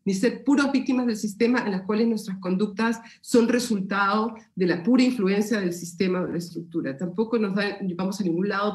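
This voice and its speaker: Speaking Spanish with the accent of her native Peru, this woman lectures in sociology and is fielding questions. Her mid-range, somewhat dark voice sounds roomy, and her considered seminar answer keeps restarting and stumbling over fillers.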